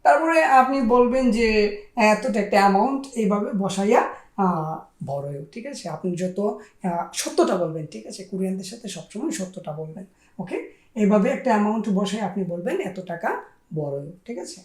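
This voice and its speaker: A woman teaching a language in a casual, explanatory way, slowing down for example phrases and often checking with "right?". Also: mid-range voice, lively intonation, darkish tone, reverberant. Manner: repeats "ঠিক আছে?" to check understanding, slows down for example phrases.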